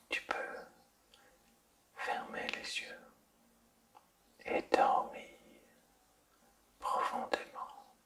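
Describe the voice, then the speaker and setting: A person whispering quietly, as if at night, in a slow, soothing, deliberate ASMR style, guiding a listener toward sleep with long pauses. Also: distant mic.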